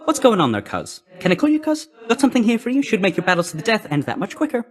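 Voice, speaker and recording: Playing a cheeky young messenger god in a video game, an actor uses a high-pitched male voice with huge swings in pitch. His delivery is brisk, breezy, slangy, chummy and clipped, with a hurried feel.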